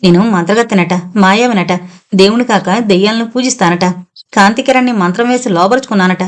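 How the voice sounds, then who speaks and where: A woman's voice: medium pitch, a little fast, close to an everyday voice. A woman voicing a proud, defiant young village woman who speaks indignantly. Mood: earnest. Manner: indignant, fiery.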